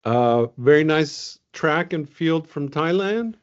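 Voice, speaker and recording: A Venezuelan scientist presents his results in a casual webinar, speaking loosely with lots of ums and restarts. His clear, resonant voice is fairly high, with lively intonation and a slow pace, heard through muffled video-call audio.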